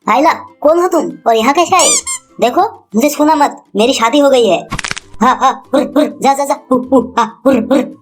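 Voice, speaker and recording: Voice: high-pitched, lively intonation, normal speed. Someone voicing a brash cartoon Aladin. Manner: brash, bossy and exasperated. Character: nagged married young man, cartoon Aladin. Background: background music.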